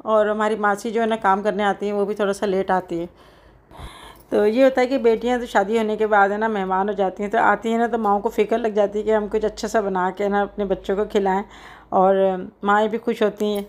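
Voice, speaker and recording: Even-toned chatty middle-aged woman vlogger. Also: medium pitch, brisk. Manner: chatty, rambling, with frequent fillers. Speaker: cooking vlogger. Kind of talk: casual home vlog chat.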